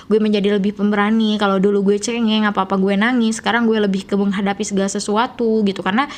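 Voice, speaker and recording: A young woman with a Sundanese accent, vlogging in a casual storytelling style. She talks softly and gently, rambling along with lots of fillers. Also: mid-range voice, flat delivery, fast. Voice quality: soft, gentle way of speaking. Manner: chatty, rambling, many fillers.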